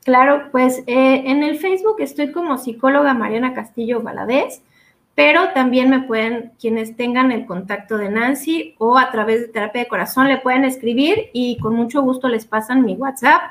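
A woman's voice: sits high, normal speed. A woman with a Mexican Spanish accent, a psychologist guest recounting a case in casual interview chat, with many fillers.

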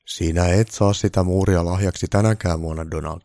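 A man's voice: deep voice, steady tone, mellow, dry recording. A man doing a blunt, matter-of-fact Santa Claus. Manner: dry, matter-of-fact, firm.

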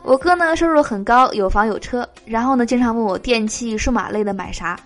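A woman podcast host reading out jokes in a lively way, laughing between them. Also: a little high, fairly quick, faint music behind.

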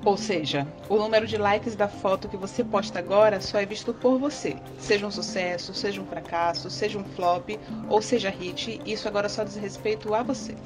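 A woman's voice: medium pitch, a little fast, hardly any pauses. A woman with a Bahian Brazilian accent co-hosting a podcast in a casual, conversational style. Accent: Bahian Brazilian Portuguese. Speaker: podcast co-host. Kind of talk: casual chatty podcast presenting. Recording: loud background music under the voice. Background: background music.

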